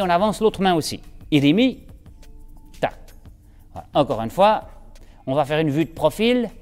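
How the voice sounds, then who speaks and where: A man teaching an aikido class, guiding breathing with calm, steady cues and giving brisk instructions. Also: high-pitched, big-room sound. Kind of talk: instructional demonstration.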